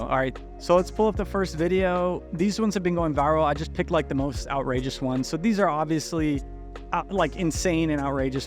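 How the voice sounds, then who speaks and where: Higher-voiced man, cheeks swollen after wisdom teeth. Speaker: host. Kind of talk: casual talking commentary.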